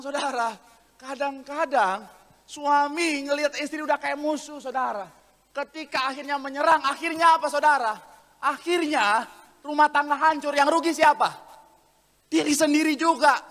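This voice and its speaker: High, bright-voiced preaching man. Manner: animated, acts out voices of people in his stories; jokes with the congregation. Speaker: pastor. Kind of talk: sermon. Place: church sanctuary. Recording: long church hall reverb.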